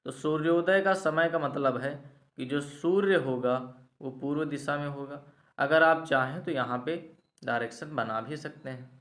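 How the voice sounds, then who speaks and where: A man's voice: a little high, moderate pace, fairly bright tone, roomy sound. A man teaching reasoning problems in a step-by-step classroom lecture, often checking whether the students follow. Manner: explains step by step, asks "clear?" to check understanding.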